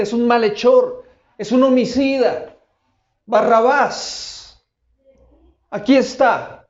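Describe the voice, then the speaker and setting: Man playing a flustered Roman governor, high and pleading, questions hurled at a crowd in a roomy hall. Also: a little mellow, highs cut off. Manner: raised, pleading, emphatic questioning.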